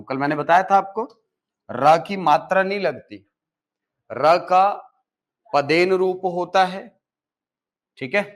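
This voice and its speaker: A male Hindi teacher with a Chhattisgarhi accent delivers a live classroom lecture, explaining things step by step and posing questions he then answers himself. His voice is on the high side.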